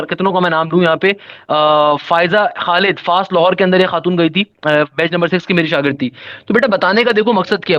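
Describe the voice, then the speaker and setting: A man's voice: high voice, fairly bright tone, dull audio. A man, a test-prep teacher giving an upbeat guidance lesson and rattling off lists of students.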